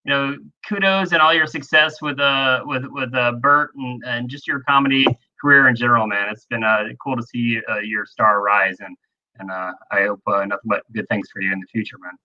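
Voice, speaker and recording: A man's voice: mid-range voice, steady tone, brisk, bright, forceful tone. A male podcast host in casual chat, laid back, giving short agreeing replies and wrapping up the show. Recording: dull lo-fi call audio.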